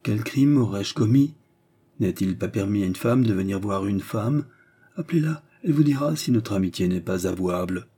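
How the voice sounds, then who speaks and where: A man's voice: lowish voice, animated, moderate pace, dark tone, breathy edge. A man reading as a tense, defiant countess. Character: scheming noblewoman, frightened then defiant. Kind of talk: audiobook reading.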